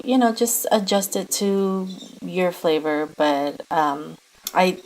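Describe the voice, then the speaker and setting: A young woman giving an informal, conversational recipe voice-over as a home cook. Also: lowish voice. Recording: faint background noise.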